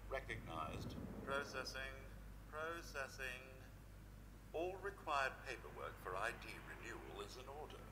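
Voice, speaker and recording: A man's voice: medium pitch, big pitch swings, measured pace, big-room sound, background noise. A man voicing an officious robot clerk in a video game, his voice computer-processed and robotic, speaking in stiff, clipped, formulaic announcements. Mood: deadpan mechanical. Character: officious male robot clerk, rigid and bureaucratic.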